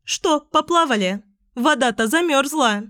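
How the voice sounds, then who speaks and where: A woman voicing a shaggy, alarmist female jackdaw in a storybook, with a shrill, cawing delivery. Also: animated, a little slow, fairly bright tone, no echo, clean studio sound. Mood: mocking.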